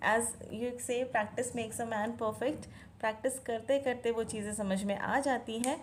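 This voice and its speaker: A woman's voice: on the high side, darkish tone, slight background noise. A woman hosting a home-teaching video who patiently explains spelling methods for children, mixing Hindi and English and spelling words out letter by letter. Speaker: parenting channel host teaching spelling methods.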